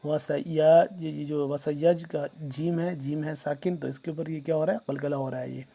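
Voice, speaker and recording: A man teaching tajweed in Urdu, who recites verses slowly and loudly and then explains the rules quickly and quietly, asking his students questions. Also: on the high side, fairly even intonation, vocal fry. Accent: Pakistani Urdu.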